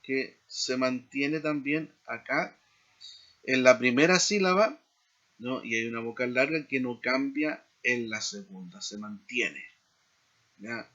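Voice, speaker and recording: A man teaching a seminary class in a slow explanatory lecture, often checking in with tag questions. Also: medium pitch, fairly bright tone, dull audio. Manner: frequent tag questions, deliberate pacing.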